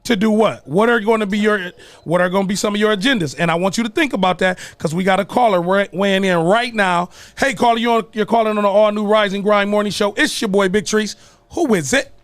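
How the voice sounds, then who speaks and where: A man's voice: sits high, fast, no echo. A man hosting a morning radio show in casual chat, joking and laughing with a caller.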